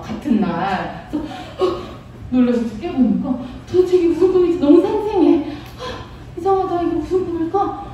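A woman teaching kindergarten Sunday school, telling a Bible story in an animated, playful way and asking the children questions. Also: fairly high pitch, slight background noise. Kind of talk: storytelling sermon for young children. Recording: echoey room, voice from far off.

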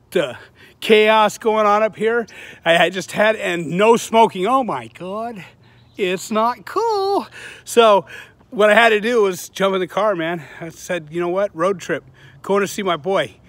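A vlogger and channel host in his forties, with a high, slightly bright voice in a dry recording, talks casually to his viewers in a selfie vlog. He's loose, rambling, earnest, and swears plenty, filming on a phone held at arm's length on a sunny suburban street.

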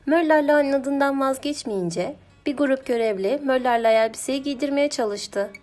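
A woman reading a children's story aloud in a gentle, expressive storybook narration. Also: high-pitched, moderate pace, soft background music.

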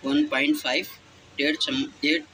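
A man's voice: extremely high pitch, big pitch swings, normal speed, vocal fry, sharp tone, a little hiss or hum, low-quality recording. A man hosting a home cooking channel, talking through each step of a recipe in a casual, chatty way with frequent filler phrases.

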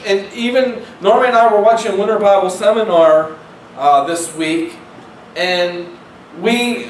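A male pastor with a high voice preaches in a casual, conversational way, repeating himself and putting questions to the congregation. He sounds like he is picked up from some distance, with the echo of a church room and a faint hiss behind him. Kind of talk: sermon. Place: church sanctuary.

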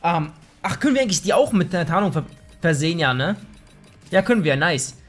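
A young man giving live commentary over his shooter gameplay, excitable and slangy, often swearing in annoyance. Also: a little high, brisk, faint music behind. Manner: slangy, says "Alter" a lot. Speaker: let's play gamer. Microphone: gaming microphone.

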